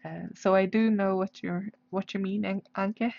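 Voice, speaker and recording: Drawing on a livestream, a woman artist with a Swedish accent chats casually, hesitating as she searches for words in English. Her mid-range voice is creaky and darkish, with fairly even intonation and a moderate pace. The livestream audio sounds dull and lo-fi.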